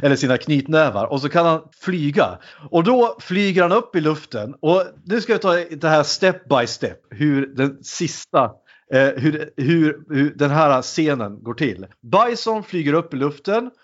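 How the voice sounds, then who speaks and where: A man's voice: fairly high pitch, animated, lo-fi sound. A man in a casual chat, animatedly retelling a film with many fillers.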